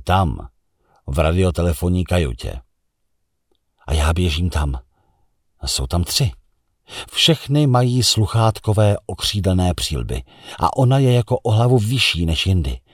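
A man narrates a first-person novel in a very low, husky voice. The recording is dry and close, with no room sound. His delivery is measured and tense. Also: very animated, no echo. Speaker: audiobook narrator.

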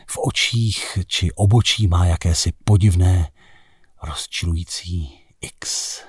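Man, first-person story narration, measured and dramatic, low voice, dry close sound. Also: breathy edge, dry recording. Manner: dramatic, rising to shouts in heated passages; measured, reflective delivery. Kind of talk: first-person literary reading.

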